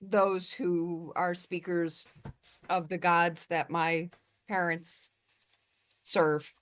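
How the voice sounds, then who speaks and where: A woman playing a tabletop game, slowly describing what her character does. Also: on the low side, flat delivery, fairly bright tone. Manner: slow and deliberate. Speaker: player.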